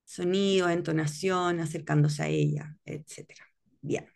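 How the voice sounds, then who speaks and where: A woman's voice: on the low side, fairly even intonation, moderate pace, gravelly, darkish tone. A woman leading a teacher training workshop, explaining step by step and often checking in with her listeners. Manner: explanatory, checks in with frequent "¿cierto?". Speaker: workshop instructor. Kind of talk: online teacher training lecture.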